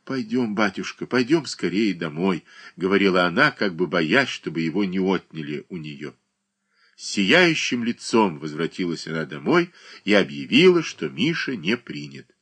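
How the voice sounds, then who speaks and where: Man reading an old novel out loud, bright, bit husky tone. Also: low voice, normal speed. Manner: expressive storytelling reading. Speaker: audiobook narrator. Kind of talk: scripted literary narration.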